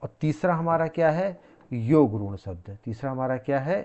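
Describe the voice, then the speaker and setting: A man's voice: mid-range voice, lively intonation, normal speed, a little mellow, muffled recording. A man giving a classroom lecture, repeating key words and asking the class questions he then answers himself. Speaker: teacher.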